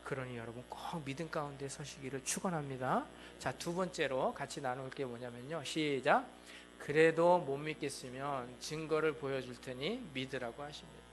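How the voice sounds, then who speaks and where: A man preaching a sermon as pastor, animated and acting out voices in quoted lines. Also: mid-range voice, normal speed, a little hiss or hum. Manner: animated, acts out God and the king in quoted lines. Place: church sanctuary.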